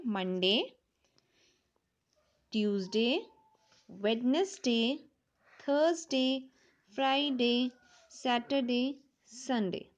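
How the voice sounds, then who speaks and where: A woman teaching young children, mixing Hindi and English, spelling words letter by letter and checking often that the class follows. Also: fairly high pitch. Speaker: primary school teacher. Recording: dull lo-fi recording.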